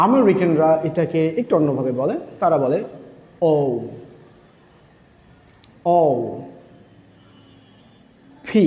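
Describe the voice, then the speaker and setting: A man teaching English letter sounds, repeating each letter slowly and explaining how to shape the mouth. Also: a little high, mellow. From Bangladesh. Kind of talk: slow pronunciation lesson. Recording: echoey room with long reverb.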